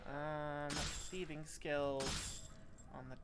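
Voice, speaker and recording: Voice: mid-range voice, little pitch movement, drawn-out words, very noisy. A game streamer giving casual, wry and playful commentary while playing and reading game text aloud.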